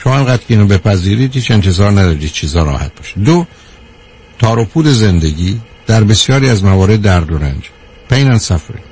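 A man giving a measured talk to a live audience, counting off his points one by one and answering a question from the room. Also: lowish voice, animated, a little mellow, slightly rough. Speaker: speaker on anger management.

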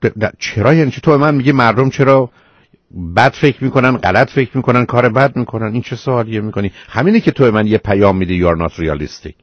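A man's voice: medium pitch, dry recording, dull audio. A man hosting a call-in advice show, lecturing a caller patiently but firmly and calling her dear. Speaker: radio advice host.

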